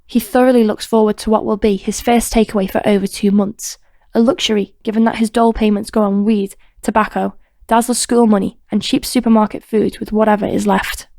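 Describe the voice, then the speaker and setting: A woman narrates an audiobook crime drama with a steady, flat delivery and a gravelly edge. It is close-miked in a dry, dead room. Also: on the high side, dry recording. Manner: even, steady reading. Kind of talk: scripted narration.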